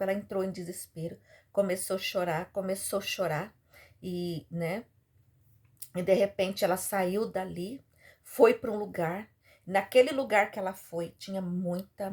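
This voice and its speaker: A woman preacher delivers a sermon as a dramatic story. Her voice leaps and falls with emotion, with repeated phrases and sudden bursts of loudness. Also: mid-range voice.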